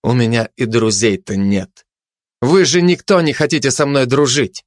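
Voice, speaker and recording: A man's voice: medium pitch, normal speed, no echo, studio quality, natural voice. A man voicing a scheming male dog who talks with smirking irony. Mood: ironic. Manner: ironic, smirking.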